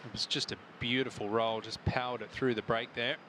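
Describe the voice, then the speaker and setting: A man's voice: mid-range voice, steady tone, brisk, background noise. A man giving live television golf commentary as a commentator.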